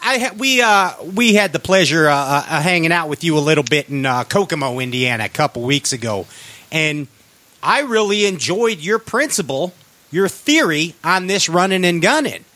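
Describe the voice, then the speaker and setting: A man hosting a fishing show in a casual, slangy, excitable and joking way. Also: a little high, moderate pace, dry recording. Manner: excitable, jokey, says dude often.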